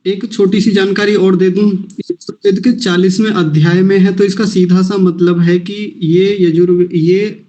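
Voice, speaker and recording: A man with a high voice teaches the correct pronunciation of a sacred verse. He breaks each word into syllables and repeats them slowly and patiently. The recording sounds muffled and lo-fi. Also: steady tone, warm tone. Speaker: Vedic mantra teacher. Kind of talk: recitation lesson, slow syllable drills.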